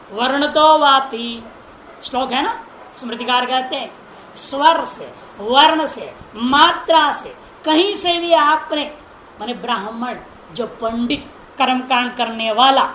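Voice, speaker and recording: A woman teaching Sanskrit grammar in a classroom lecture, speaking deliberately, repeating word forms and asking rhetorical questions. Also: high voice, fairly bright tone. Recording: roomy echo, faint background noise.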